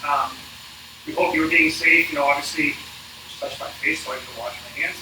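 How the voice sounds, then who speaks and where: A man coaching an indoor cycling workout on a livestream, speaking casually and haltingly with a dry, informal manner. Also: fairly high pitch, steady tone. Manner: halting, informal, dryly joking. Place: indoors in an apartment. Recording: echoey, distant mic, noisy room.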